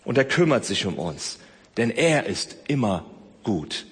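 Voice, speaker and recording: A man preaching a sermon, swinging between loud emphasis and soft, close speech. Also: on the low side, big pitch swings, measured pace, slightly rough, in a large hall. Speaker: pastor.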